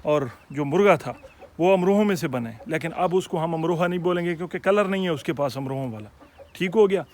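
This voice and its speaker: Higher-voiced man, chatty breeder tutorial. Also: lively intonation, brisk, darkish tone, a little hiss or hum. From Pakistan. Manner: explanatory, repeats "theek hai" to check in with viewers; friendly, addresses viewers as friends and fellow hobbyists. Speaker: poultry breeder and channel host. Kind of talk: casual instructional video.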